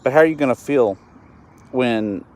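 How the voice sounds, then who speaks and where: An East Texas man in his 30s hosts a solo live-stream show, speaking earnestly and with frustration and often stopping to restart his words. His mid-range voice moves at a normal speed and has a slightly mellow quality.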